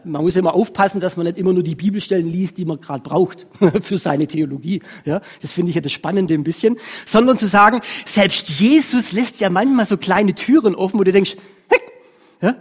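Husky woman preaching. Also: medium pitch, darkish tone. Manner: conversational, frequent tag questions. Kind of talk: sermon. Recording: long reverb of a hall.

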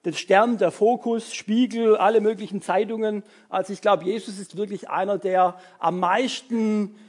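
A man's voice: high voice, steady tone, moderate pace, a little mellow. A man giving a casual sermon to young people as their youth leader, chatty and full of fillers and tag words.

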